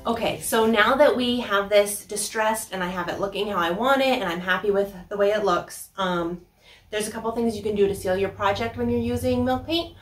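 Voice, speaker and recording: This casual how-to vlog features a woman in her thirties upcycling furniture in a small indoor workshop, talking as she works with lots of ums. She speaks fairly quickly in a mid-range voice, picked up from afar by a camera mic in an echoey room with soft background music.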